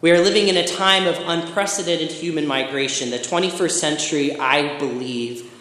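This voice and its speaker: A man's voice: on the high side, normal speed, a bit bright. Man, middle-aged, from Michigan, sermon, reflective storytelling, roomy long reverb. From Michigan, USA. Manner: reflective, personal storytelling with emphatic lists. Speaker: preacher. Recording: echoey hall with long reverb.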